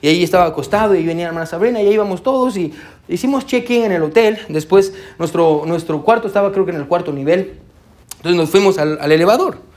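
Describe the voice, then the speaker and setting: A man's voice: high voice, fast talker, darkish tone. A male pastor preaching in church, telling a personal story with lots of "amén" and "hermano", and slipping English words into his speech. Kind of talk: sermon with personal anecdote.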